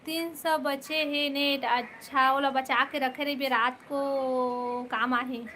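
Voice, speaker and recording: A woman's voice: high-pitched, steady tone, slow pace, sharp tone, slight background noise. A woman with a Chhattisgarhi accent chatting casually on a live stream, greeting viewers by name and coaxing them to stay. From Chhattisgarh, India.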